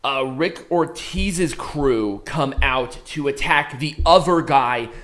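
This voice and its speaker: A man's voice: mid-range voice, slow, a bit bright. A man chatting casually as a co-host, explaining things in a rambling way with crude slang and free swearing. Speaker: podcast co-host explaining a clip. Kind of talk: casual chat and reaction commentary.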